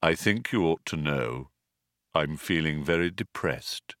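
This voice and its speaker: Storybook robot male reader: depressed, low dragging drone, self-pitying, dry sound. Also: dry recording, exaggerated voice. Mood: hopeless, depressed. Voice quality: low, droning. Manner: slow, dejected, flat delivery.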